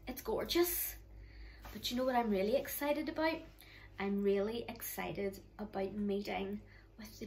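A middle-aged Northern Irish woman leads an online children's church talk from her living room at home. She addresses the kids directly, warm, chatty and encouraging, close to the camera. Her voice is slightly high and the recording rough.

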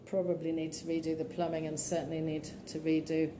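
A woman estate agent gives a practical, matter-of-fact walkthrough of an empty, run-down townhouse, filming on a phone as she walks. Her voice is low, mellow and fairly flat, a little fast, echoing through the bare rooms over a faint hum of ambience.

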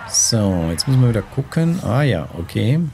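A man's voice: lowish voice, very animated, moderate pace, creaky. A man giving casual let's-play commentary, thinking aloud and deliberating to himself as he plays. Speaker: gaming host. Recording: faint background game noise. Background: golf game ambience.

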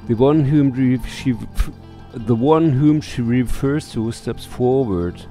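This middle-aged-sounding streamer mutters through a let's play on a headset mic, casually swearing, narrating his gameplay and reading game text out loud. Faint game music sits in the background. His medium-pitched voice is slow and mellow.

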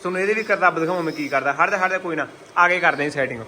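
A man's voice: fairly high pitch, racing, pushed and bright. A man with a Punjabi accent chatting casually as a pigeon-keeping vlogger, often coaxing his birds with repeated calls and endearments. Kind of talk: casual vlog chat. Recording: noisy handheld recording with ambient sounds.

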